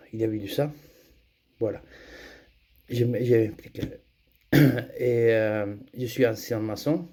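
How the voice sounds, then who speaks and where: Spanish-accented man, middle-aged, hesitant testimony, slow, dark mellow voice. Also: lowish voice. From Andalusia, Spain. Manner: hesitant, many fillers and restarts. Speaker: testimony giver. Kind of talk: personal spoken testimony.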